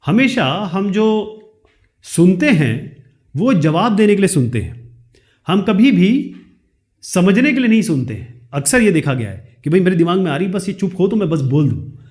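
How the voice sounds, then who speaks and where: A man, teaching a lesson. He reads each question slowly, then explains the answer in quick chat. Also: high voice, a little mellow.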